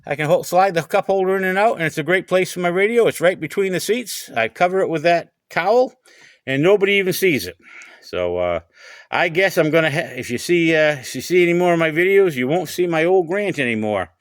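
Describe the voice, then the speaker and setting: His voice a little high, brisk and lively, a middle-aged or older American man casually vlogs a demo of his CB radio from inside his pickup truck, rambling and repeating himself a lot. There's no room sound, just clean studio audio.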